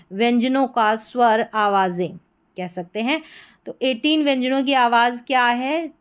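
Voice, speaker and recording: A woman explains pronunciation rules to beginners, patient and methodical, restating each point more than once. Her voice is smooth and clear and sits a little high. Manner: patient, repeats points in several words. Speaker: English teacher.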